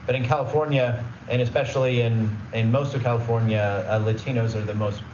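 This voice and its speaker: A man's voice: medium pitch, fairly even intonation, fairly quick, echoey room, far from the mic, highs cut off, background noise. A man giving a conversational presentation at a public meeting, explaining rules with everyday examples and plenty of fillers. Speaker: redistricting consultant presenting.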